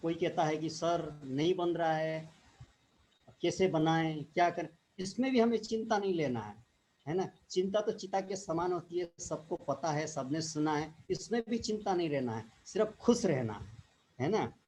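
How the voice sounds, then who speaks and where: A man giving an informal motivational talk as a direct-selling distributor, repeating himself, adding tag questions and often clearing his throat. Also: fairly high pitch, expressive, normal speed, mellow, a little hiss or hum, poor audio.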